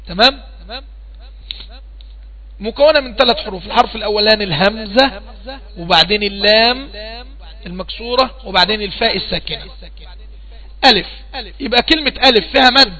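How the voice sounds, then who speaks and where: This man speaks with an Egyptian Arabic accent in a high, bright, forceful voice while giving an online tajweed lesson on Quran recitation rules. He patiently questions his students and repeats each point, though the audio quality is poor.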